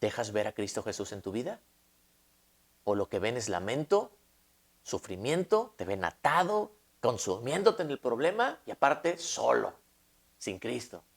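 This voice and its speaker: A man's voice: mid-range voice, sing-song, a little slow, vocal fry. A man preaching a conversational Bible-study sermon, often putting rhetorical questions to the listener.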